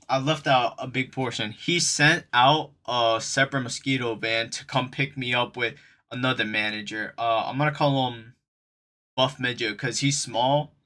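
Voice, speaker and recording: Young man, casual storytime, slangy and animated, bright crisp voice. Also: medium pitch. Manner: animated, slangy, acts out quotes. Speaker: streamer telling a story.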